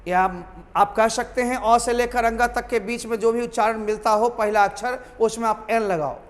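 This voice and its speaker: A man's voice: extremely high pitch, steady tone, moderate pace, long reverb tail. A man teaching a grammar lesson to students, repeating key points and calling them his children.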